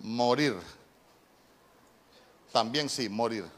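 Slow, deliberate pastor. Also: male voice, medium pitch, fairly bright tone. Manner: slow, deliberate, repeats key words. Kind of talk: sermon with Bible word study.

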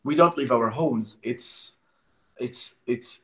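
A Palestinian man talks slowly at a medium pitch during a remote interview. His delivery is impassioned, leaning on emphasis and repeated words to drive his arguments home.

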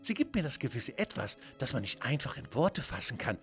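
A man's voice: medium pitch, very animated, a little fast, a bit bright, faint music behind. A man voicing a refined, elegant male unicorn with a bow tie, speaking in a genteel, flowery and courteous way. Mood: gracious.

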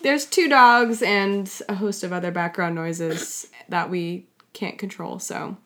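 A woman's voice: mid-range voice, fairly even intonation, slow, fairly bright tone. A woman with a mid-range voice co-hosts a casual podcast. She teases her co-host and laughs easily. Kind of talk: casual chat.

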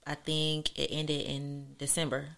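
A woman's voice: low-pitched, completely flat delivery, measured pace, creaky, fairly bright tone. A woman in her late thirties talking bluntly and laughing often in a casual chat. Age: 30s. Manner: brash, laughing, blunt storyteller. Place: Inglewood area.

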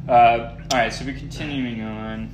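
A man's voice: medium pitch, steady tone, moderate pace, noisy background. Easygoing man in an echoey room. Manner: easygoing, agreeing, joking. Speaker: podcast co-host. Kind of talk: casual chat reacting to a TV show. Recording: roomy echo with TV music.

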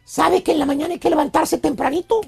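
Una mujer con acento mexicano que, como conductora de radio, cuenta una historia cómica a gritos y burlándose. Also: female voice, high-pitched, steady tone, fast talker, vocal fry. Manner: shouting, teasing, storytelling. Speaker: radio comedy host. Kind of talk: comic radio rant.

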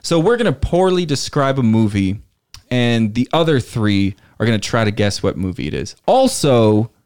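A man's voice: mid-range voice, sing-song, normal speed, darkish tone, smooth. A man hosting a podcast in casual chat, presenting trivia and games to his co-hosts. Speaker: podcast host.

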